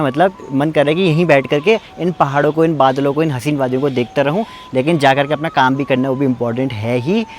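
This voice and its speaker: A young man from Uttarakhand talks casually to his viewers in a travel vlog, chatty and sometimes tripping over his words. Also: mid-range voice. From Uttarakhand, India. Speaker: vlogger. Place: outdoors in a mountain valley.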